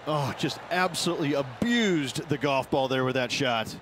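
A man's voice: mid-range voice, normal speed, background noise. A man giving golf commentary as an analyst, reacting to shots.

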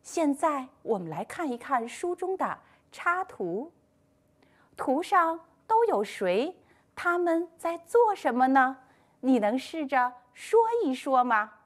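A woman teaching a first-grade class in a scripted online lesson, speaking slowly in a sing-song, encouraging way. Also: high-pitched, sing-song. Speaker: primary school teacher.

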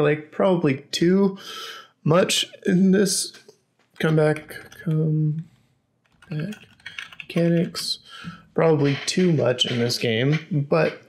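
A young man streaming from a small room at his desk, talking casually and haltingly, thinking aloud with lots of fillers. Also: a little high, gravelly. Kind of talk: casual live-stream commentary.

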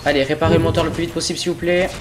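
Sick with a cold, a young man commentates his gameplay in rapid-fire bursts, swearing and exasperated as things fall apart, mostly talking to himself. His voice is fairly high and steady in tone, and there's background noise.

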